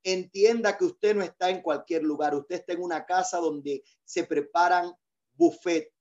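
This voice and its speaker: A man's voice: high voice, fairly even intonation, moderate pace, a little mellow, lo-fi sound. A male pastor preaching a sermon, leading call-and-response and repeating key phrases for emphasis.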